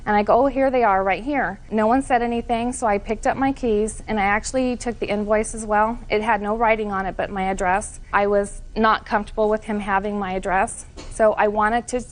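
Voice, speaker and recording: A woman's voice: medium pitch, fairly even intonation, brisk. Earnest woman giving court testimony. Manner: earnest, detailed, defensive. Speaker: plaintiff.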